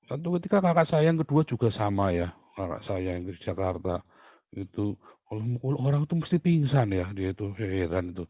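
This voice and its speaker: A man preaching a sermon, telling family stories in an animated, chatty way with laughs and asides. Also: lowish voice, fairly quick, no room sound. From Indonesia.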